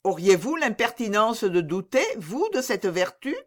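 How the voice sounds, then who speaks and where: A woman's voice: medium pitch, very animated, measured pace. A woman reading an audiobook and voicing a haughty, impatient young princess who presses and needles with irony. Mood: imperious. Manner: haughty, pressing, exasperated, ironic. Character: imperious impatient young princess, royal lady.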